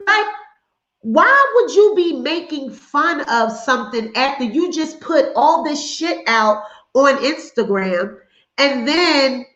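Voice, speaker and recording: A high-voiced woman from hosts a casual gossip livestream, sassy and animated. The sound is dull and lo-fi, and it echoes around the room. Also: slow. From Philadelphia, USA. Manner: sassy, animated, laughing asides.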